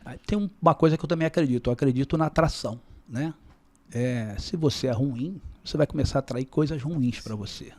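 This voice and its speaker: A man speaking as a guest on a business podcast, calm and measured, often repeating words while he searches for them. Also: mid-range voice. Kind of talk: casual interview talk.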